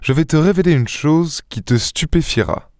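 A man voicing a suave, teasing gentleman-thief. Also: on the high side, normal speed, no echo, clean studio sound, pitched above the performer's own voice, lightly acted. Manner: playful, ironic, airy. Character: suave witty male gentleman-thief, mocking and self-assured.

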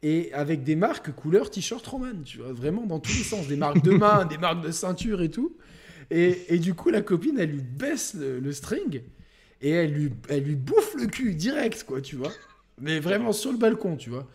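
Rambling, slightly high-voiced young man. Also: moderate pace. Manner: crude, rambling, animated with many fillers. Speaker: podcast co-host. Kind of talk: casual storytelling chat.

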